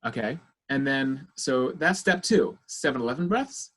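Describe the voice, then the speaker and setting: A man's voice: mid-range voice, expressive, unhurried, a bit bright. A middle-aged man, a child therapist, leading a parenting webinar over a video call and talking the audience through breathing exercises. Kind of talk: guided breathing instruction and lecture.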